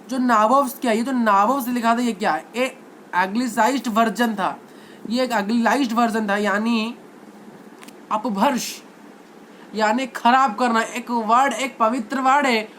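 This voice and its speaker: A man's voice: extremely high pitch, a bit bright, slight background noise. A male teacher giving a history lecture, constantly asking questions and answering them himself, repeating key words for emphasis.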